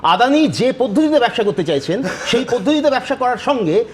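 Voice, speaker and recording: A man's voice: very high-pitched, sing-song, fairly quick, a little hiss or hum. A man arguing as a guest on a televised debate, insistent and talking over interruptions. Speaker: panel guest. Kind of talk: studio debate argument.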